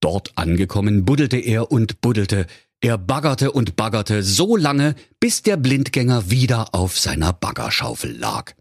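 A man's voice: on the low side, very animated, unhurried, breathy edge, no echo, clean studio sound. A man narrating a parody fairy tale in a mock-solemn storybook manner.

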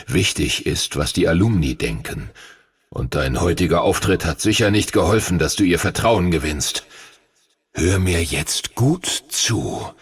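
A man voicing an ancient, gruff male dragon mentor who speaks slowly and gravely in a deep, stern voice. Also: lively intonation, no room sound, exaggerated voice. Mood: scolding. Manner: stern, scolding, ominous.

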